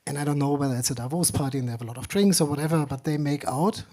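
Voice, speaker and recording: A man's voice: a little high, very fast, mellow. A middle-aged man from Germany, speaking on a conference panel with many fillers and dry humor. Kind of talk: panel discussion.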